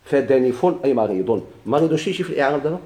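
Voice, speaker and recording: Fast, mellow Moroccan male teacher. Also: medium pitch, lively intonation. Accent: Moroccan Arabic. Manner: asks the class questions and answers them himself. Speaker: grammar teacher. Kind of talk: classroom grammar lesson. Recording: echoey room.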